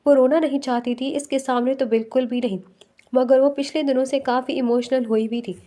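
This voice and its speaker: High-voiced woman reading a novel aloud. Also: steady tone, a little fast, warm tone. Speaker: narrator.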